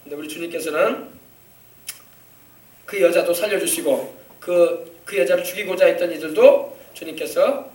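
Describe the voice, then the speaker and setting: A man pastor giving an animated children's sermon, coaxing the kids with questions. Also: on the high side, normal speed, pauses often. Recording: echoey church from far off.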